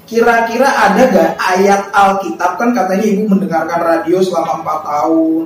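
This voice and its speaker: A man interviewing in a church setting, asking gentle questions and reading scripture slowly and with emphasis. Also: high-pitched, fairly even intonation, far from the mic, a little hiss or hum. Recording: echoey hall, mic from afar, faint music.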